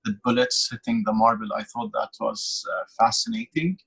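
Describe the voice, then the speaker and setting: A man's voice: lowish voice, sing-song, normal speed, vocal fry, fairly bright tone, slightly rough, poor audio. A man interviewing an artist, asking a long, rambling question while searching for words.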